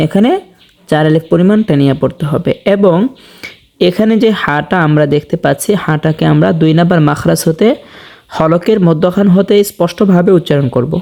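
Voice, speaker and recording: A man teaching Quran recitation step by step, explaining slowly and deliberately. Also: a little high, gravelly, mellow. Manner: slow, deliberate explanation with drawn-out sample recitation.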